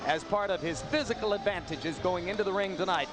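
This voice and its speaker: High-voiced male boxing broadcast host. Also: fairly quick, music in the background. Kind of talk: live sports broadcast commentary. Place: ringside in a large arena.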